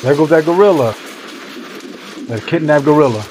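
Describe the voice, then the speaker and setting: A man's voice: on the high side, lively intonation, moderate pace, darkish tone, slight background noise. A young man giving casual, blunt and profane reaction commentary as a video host. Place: small room indoors.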